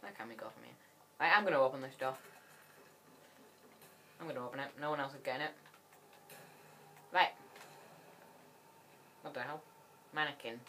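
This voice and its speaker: Low-voiced woman, chatty gamer. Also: moderate pace, long pauses, slight background noise. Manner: chatty and excitable, rambling with frequent restarts. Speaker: gaming channel host. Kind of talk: casual gameplay commentary.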